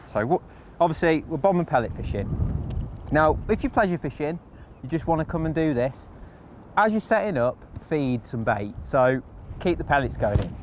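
An angler who hosts a channel explains his fishing rigs by a lake on a windy day in a practical, chatty, step-by-step instructional talk. His voice is on the high side with big pitch swings and a moderate pace, and there's slight background noise.

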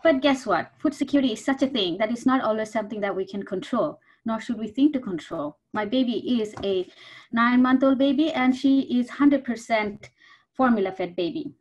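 A woman's voice: fairly high pitch, lively intonation, normal speed, a little mellow. A woman in her thirties from Bangladesh, a food security researcher speaking on an online panel with earnest personal storytelling over a video call. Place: indoors before a virtual backdrop.

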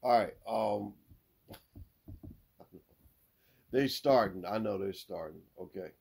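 Hosting a sports podcast, a man cracks corny jokes in a casual way and laughs at his own punchlines, his lively delivery swinging from loud to mumbled. His voice is lowish and slow, with vocal fry and a breathy edge.

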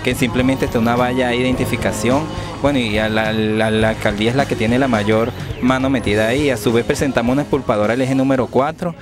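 A man speaking as a community spokesman in an outdoor street interview, earnest and quick, with restarts, into a handheld mic. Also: mid-range voice, fairly even intonation, music in the background. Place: outdoors at a rural community meeting. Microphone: handheld reporter mic.

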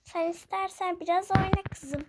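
A girl voicing a gentle young mother who comforts her child again and again in a game role-play. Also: extremely high pitch, fairly even intonation, moderate pace. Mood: soothing. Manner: reassuring, repetitive comforting. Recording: noisy home recording.

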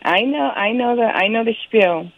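A woman's voice: on the high side, lively intonation, normal speed, no room sound. Woman caller over a phone line: blunt, frank, fed up, with a thin, tinny sound. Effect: heard over a speakerphone line. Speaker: caller, nurse at a pediatrician's office.

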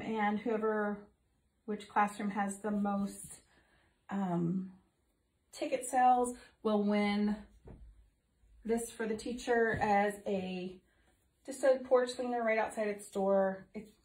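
Speaking at medium pitch, a middle-aged woman demonstrates painting as an art teacher, chatting casually with plenty of ums while explaining her project. Her voice is a little off because she was recently ill. The phone camera sits overhead in her home art studio with her off to one side, so the tutorial sounds echoey and off-mic.

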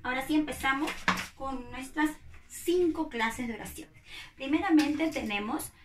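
Woman, primary teacher, fairly high voice, patient, recorded lesson with faint noise behind. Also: measured pace, echoey room. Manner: patient, asks pupils questions and answers them herself. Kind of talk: recorded grammar lesson for young children.

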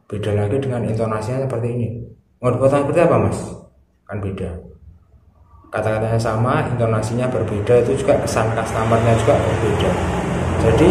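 A man giving job tips as a barber vlogger, talking straight to the viewer in a casual, instructive way. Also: mid-range voice. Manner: instructive, speaks to viewer directly. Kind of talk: casual advice vlog. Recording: echoey room with loud noise.

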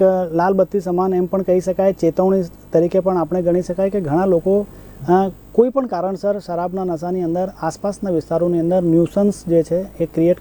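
A man's voice: sits high, mellow, low-quality recording. A male host, putting questions formally and politely to his guest and to the viewers. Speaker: show host. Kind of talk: hosted news discussion.

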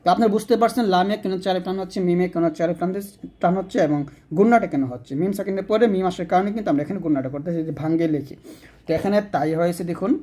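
A man teaching Quran reading step by step, patiently repeating each rule and chanting the sample words slowly. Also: high-pitched, dark tone. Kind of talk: step-by-step spelling lesson.

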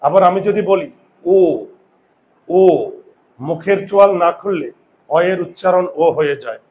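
Man teaching, repeating sounds slowly. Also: high-pitched, a little mellow, muffled recording. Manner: repetitive, demonstrates sounds slowly, asks students questions. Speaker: Bengali grammar teacher. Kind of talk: classroom lesson.

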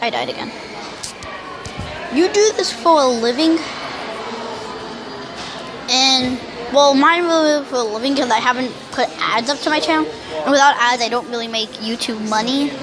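A youngster who can't pronounce R's, saying w instead, rambling loudly through casual gameplay commentary. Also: high voice, fairly quick, crowd noise, poor audio. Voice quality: speech impediment, cannot say R's correctly, says w for r. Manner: rambling, self-described loud talker. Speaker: YouTuber.

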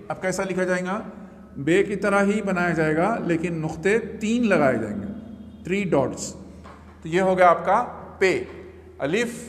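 A man teaching a beginner Urdu alphabet lesson. He patiently repeats each letter sound several times and mixes English words into his explanations. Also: a little high. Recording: long reverberant room echo.

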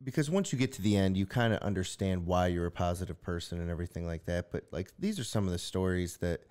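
Low-voiced man hosting a relaxed chat. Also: fast. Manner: reflective, loose, lots of "like". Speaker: podcast host. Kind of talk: casual chat. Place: podcast studio.

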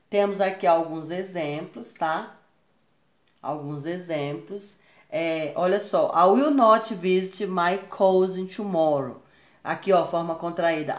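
A Brazilian woman teaching English grammar in a recorded class, patiently checking in with her students after each point. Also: on the low side. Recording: echoey room.

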